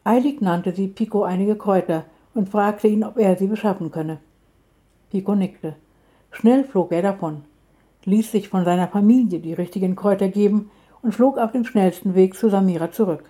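Woman reading a kids' fairytale, mellow warm voice, calm and even. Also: mid-range voice. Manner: calm, measured storytelling. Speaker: storyteller. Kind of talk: children's story reading.

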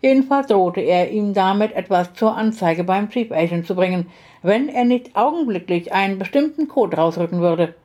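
A woman narrating a first-person story in an audiobook style. Her reading is steady and expressive, and her voice carries a dark, mellow tone. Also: medium pitch, moderate pace. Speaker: audiobook reader.

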